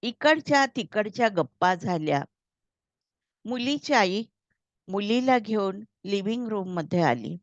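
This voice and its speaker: Woman storyteller, slow measured reading, slightly dull dry recording. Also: mid-range voice, expressive, no echo. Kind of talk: scripted story narration.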